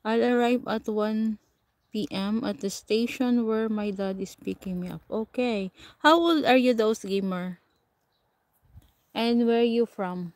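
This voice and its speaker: With a Filipino accent, a livestream host from the Philippines casually talks with her audience, responding to comments and laughing frequently. Her voice sits on the high side, a little slow and slightly mellow. No room sound is heard, and the mic is a camera or phone set a short way off.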